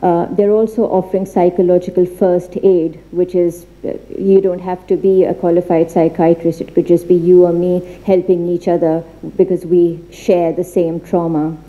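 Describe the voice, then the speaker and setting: Woman seminar speaker, low and very dark voice, earnest, hesitant delivery with many restarts. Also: little pitch movement, rough recording. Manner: earnest, halting with frequent fillers and restarts. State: becoming emotional. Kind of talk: formal seminar talk with slides. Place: institute library.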